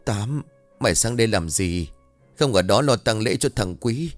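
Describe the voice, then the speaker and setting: A man voicing a calm, wise elderly grandmother in a ghost story, speaking slowly and deliberately in a lowered voice. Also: dry recording, faint music behind, close to an everyday voice. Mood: stern.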